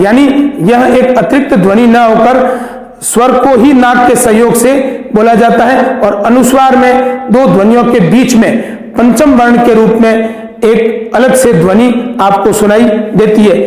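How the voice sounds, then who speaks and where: High-voiced man teaching in an echoey room. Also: darkish tone. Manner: slow, deliberate, stretches example words. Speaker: Hindi teacher. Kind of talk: spoken grammar lesson. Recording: very echoey room with long reverb.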